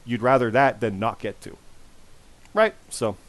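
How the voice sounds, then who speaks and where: A man in his forties with a hoarse, worn voice, hosting a casual podcast and repeating phrases for emphasis. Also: medium pitch, a little slow. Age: 40s. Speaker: podcast host.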